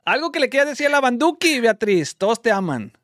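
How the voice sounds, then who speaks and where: A Mexican man hosts a stream, phoning followers and calling the shots with excitable, teasing play-by-play. His voice sits high and swings widely in pitch. The sound is close and dry. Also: fairly quick, dry recording. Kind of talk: lively live-stream phone game commentary.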